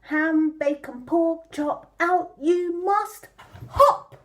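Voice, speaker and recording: Young piglet for a children's tale acted by a woman: high, shrill, excitable, bouncy intonation. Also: unhurried, exaggerated voice. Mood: excited, squabbling. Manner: shrill, eager, exclaiming. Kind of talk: children's storytelling.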